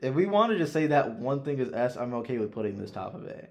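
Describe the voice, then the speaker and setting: Fast-talking and sing-song, a male co-host with a mid-range voice joins in on a laid-back podcast ranking anime villains and films. His chat is offhand, full of slang and swearing, and a bit of background noise is audible.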